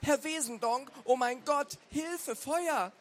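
A man voicing an elderly neighbour woman in a storybook reading, with a raised falsetto voice. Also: lively intonation, a little slow, a little hiss or hum. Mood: panicked.

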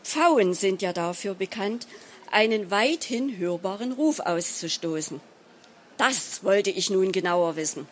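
A woman reading a humorous short story aloud in a measured, dry storytelling manner. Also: medium pitch, a little hiss or hum. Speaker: story reader.

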